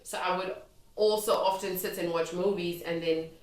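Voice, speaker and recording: Her voice is lowish, with fairly even intonation and a normal speed. The guest, a music and poetry artist from Lesotho and South Africa who grew up speaking Sotho, recounts her life in a relaxed interview, heard through a distant microphone in an echoey room.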